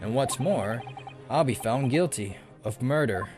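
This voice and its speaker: A man's voice: medium pitch, lively intonation, a little slow, music in the background, natural voice. A man voicing an anxious young male defendant in a video game, earnest and hesitant. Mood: grave, worried.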